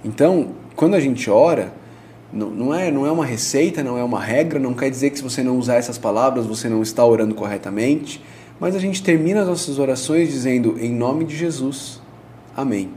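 A pastor with a dark, mellow male voice talks through his teaching in an easygoing, conversational way. He leans on everyday examples and tag questions, over a faint hiss in the background. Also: medium pitch, fast talker.

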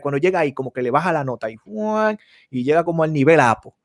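With a rapid-fire delivery and a fairly high voice, this man co-hosts a podcast, rambling through anecdotes and often asking "tú me entiendes" to see if listeners are with him. The sound is clean studio audio with no room tone.

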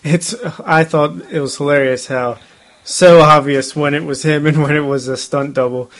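A man's voice: on the high side, steady tone, normal speed, fairly bright tone. A man casually discussing a movie with a friend, chatty, with frequent laughs and fillers. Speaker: movie review co-host.

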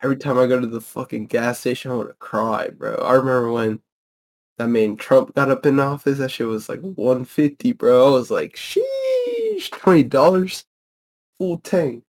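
A man's voice: mid-range voice, fairly even intonation, a little fast, a little mellow. A young man hosting a podcast, chatting casually and laid-back with heavy slang. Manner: laid-back slangy, says bro a lot. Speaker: podcast host. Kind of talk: casual chat.

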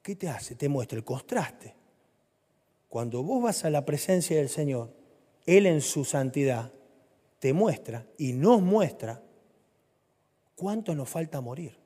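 Animated Rioplatense preacher in a reverberant hall. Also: male voice, on the high side, slow pace, long pauses, slightly rough. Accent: Rioplatense Spanish. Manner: animated, swings from loud to soft. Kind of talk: sermon.

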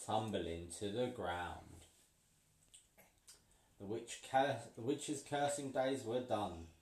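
A man reading a picture book aloud to a child, playful and pausing so the child can finish sentences. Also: on the low side, a little mellow. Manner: playful, pauses for the child to fill in words. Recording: roomy, from a distance.

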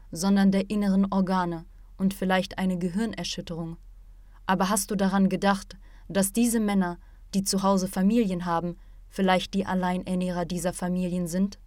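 A woman reading an audiobook, voicing a calm, wise male martial arts teacher who lectures patiently and at length. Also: mid-range voice, no room sound, studio quality, close to an everyday voice.

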